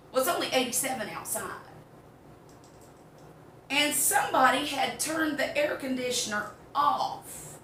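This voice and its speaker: Her voice high and her tone sharp, an older woman with a Southern US accent rambles casually and folksily through a home cooking demonstration. She's in her home kitchen, recorded on a distant mic in a roomy space with background noise.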